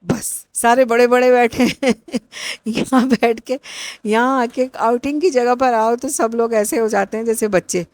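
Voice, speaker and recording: A woman's voice: a little high, steady tone, darkish tone, no echo. A middle-aged woman narrating a family outing in a casual, rambling vlog with many fillers. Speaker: vlogger.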